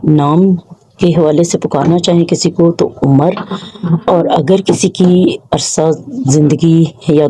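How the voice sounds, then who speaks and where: A channel host teaches pronunciation in a patient, explanatory way, saying each word slowly and then again. The voice is mellow and somewhat husky. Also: medium pitch. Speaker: Urdu language teacher. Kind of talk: pronunciation lesson for a video channel.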